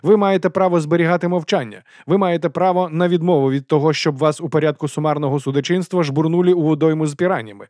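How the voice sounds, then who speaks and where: A man's voice: on the high side, fast, hardly any pauses, darkish tone, no room sound, clean studio sound, voice pushed up, close to an everyday voice. A man voicing an earnest, dutiful young male constable reading out formal rules.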